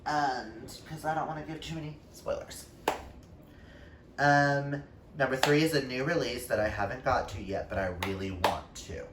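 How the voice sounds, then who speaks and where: A vlogger who reviews books talks to viewers in a casual, gushing, emphatic way. His voice is medium in pitch and moderately paced, picked up by a distant mic in an echoey space with slight background noise.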